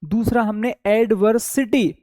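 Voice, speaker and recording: A man teaching English vocabulary in an online exam-prep class, asking questions and answering them himself and drawing out key words slowly for memory. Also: high-pitched, steady tone, a little mellow, no room sound, studio quality.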